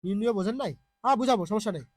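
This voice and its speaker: A man's voice: sits high, racing, dry recording, studio quality. A man who is unwell teaches Bengali spelling and pronunciation in a live online class, reading out viewer comments and patiently repeating words to drill them.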